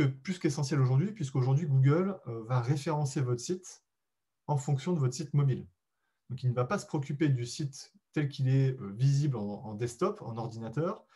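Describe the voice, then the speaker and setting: A man's voice: medium pitch, brisk, dark tone, slightly rough. A man presenting a live webinar, explaining patiently to his listeners with frequent hesitations and polite asides. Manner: addresses listeners directly and politely.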